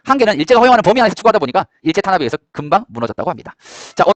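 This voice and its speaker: Male history teacher, high and animated, rapid-fire lecture, dry close sound. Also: dry recording, muffled recording. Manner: energetic, jokey, quizzes students. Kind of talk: classroom lecture. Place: classroom with students.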